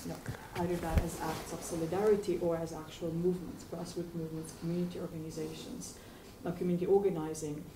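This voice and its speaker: A woman's voice: lowish voice, little pitch movement, fast talker, background noise. A woman in her forties gives a hesitant academic panel response, full of fillers and restarts, in a university seminar room. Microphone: far room mic. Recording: echoey room from far off.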